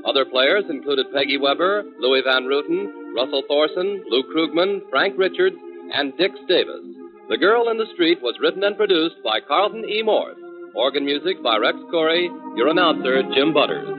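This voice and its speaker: A man announcing in the formal, measured manner of a 1940s radio program, his voice pitched a little high and swinging widely. It comes off an old broadcast transcription disc, thin and tinny like a phone line, with organ music clearly audible underneath. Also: expressive.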